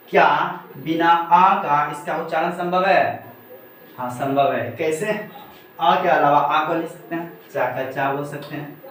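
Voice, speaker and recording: A man's voice: on the high side, a bit bright. A man teaching a Hindi grammar lesson, from Bihar, asking questions and answering them himself, again and again. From Bihar, India. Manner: repetitive call-and-response questioning. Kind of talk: classroom-style lesson. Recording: very echoey room, mic far off.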